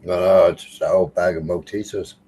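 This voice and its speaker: A man's voice: sits low, fairly even intonation, a little fast, mellow, slight background noise. A man, teasing and chatting easily as a co-streamer. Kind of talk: casual banter.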